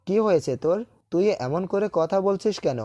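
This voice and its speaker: An actor playing a caring young best friend in a Bengali audio drama, pressing with urgent questions. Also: male voice, high voice, expressive, normal speed, mellow, dull audio. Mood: worried.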